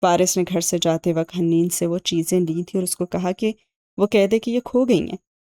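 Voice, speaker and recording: A woman reading an audiobook and voicing a clever young woman who explains things calmly and knowingly. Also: fairly low pitch, no room sound, lightly acted.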